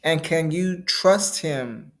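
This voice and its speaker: A man's voice: a little high, slow pace, a bit bright. A man giving a casual sermon, talking in a conversational, playful way with frequent asides. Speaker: preacher.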